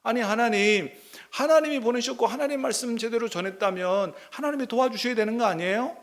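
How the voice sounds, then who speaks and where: A pastor voicing an indignant pleading prophet. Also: male voice, huge pitch swings, moderate pace, vocal fry, full character voice. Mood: exasperated pleading. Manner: exasperated, protesting questions, rising higher and louder. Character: indignant, pleading biblical prophet arguing with God.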